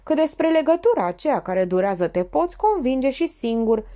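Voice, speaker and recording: Woman reader doing a smug preachy notary, pitched up, lively swoops, audiobook. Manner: theatrical, preachy, sentimental. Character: pompous middle-aged male notary, sanctimonious schemer. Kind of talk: audiobook character voice.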